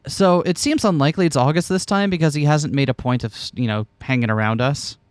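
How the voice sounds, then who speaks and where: A man's voice: fairly high pitch, fairly quick, smooth, no echo, studio quality. A man co-hosting a let's play, switching between casual commentary and reading a visual novel aloud with playful, theatrical asides.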